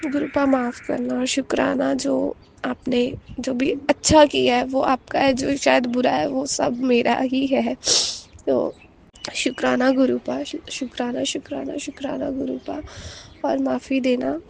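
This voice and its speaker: A woman closing a devotional testimony with chanting and thanks, speaking softly, humbly and apologetically. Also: high voice, level tone, unhurried, creaky, slight background noise.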